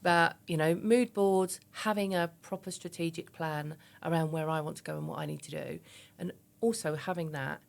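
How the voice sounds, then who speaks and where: A woman's voice: sits low, steady tone, moderate pace, creaky. A woman, talking candidly and emphatically as a guest in a conversational interview, often acting out her own thoughts. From East London, England. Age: 50s. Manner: candid, chatty, emphatic, illustrates points with quoted self-talk. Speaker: interview guest, business founder.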